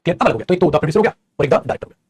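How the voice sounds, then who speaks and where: A man teaching English grammar in a lecture. He explains fast, calls his students "beta" and keeps asking if they follow. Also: fairly high pitch, animated, breathy edge. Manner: rapid and explanatory, addresses students as "beta", often asks "theek hai?". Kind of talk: classroom lecture in Hindi mixed with English.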